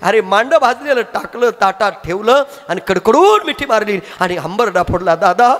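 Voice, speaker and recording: Telling the story of a saint with great drama and feeling, this male devotional kirtan preacher has a high-pitched, slightly bright voice, expressive and at an ordinary pace. Faint music plays in the echoey hall where he's recorded.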